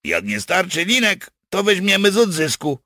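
A man voicing a brutal, eager village man who is quick to kill, speaking loud and blunt in an audiobook. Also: high voice, very animated, no echo, clean studio sound, voice pushed up, exaggerated voice. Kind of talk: audiobook character voice.

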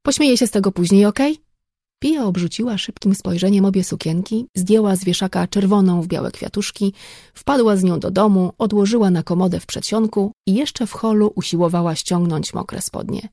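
A woman reading an audiobook in steady, even scripted narration. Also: medium pitch, moderate pace, no room sound, clean studio sound.

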